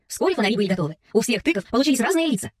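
A woman narrating a children's audiobook in a brisk, expressive reading. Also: fairly high pitch, dry recording, clean studio sound. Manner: brisk, expressive reading that shifts voice for each character.

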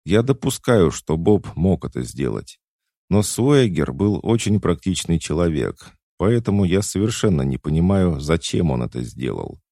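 A man's voice: sits low, big pitch swings, moderate pace, mellow, dry recording, clean studio sound, full character voice. A man voicing a shrewd, blunt old male lawyer in an audiobook, speaking insistently.

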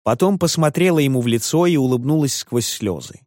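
A man's voice: mid-range voice, animated, a little fast, darkish tone, no room sound, studio quality. A man narrating an audiobook expressively.

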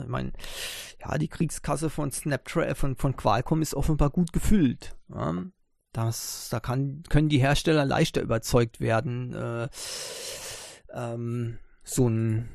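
Male podcast host, mid pitch, gravelly, hesitant delivery full of fillers. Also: darkish tone, dry recording, clean studio sound. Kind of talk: casual tech news podcast.

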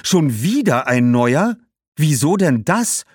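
A woman's voice: sits low, big pitch swings, takes it slowly, darkish tone, slightly rough, dry recording, clean studio sound, voice pushed up, heavily acted. A man voicing Herodias, a weary Roman woman who meets news with disbelief. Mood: skeptical. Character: skeptical, weary Roman woman, quick to sigh.

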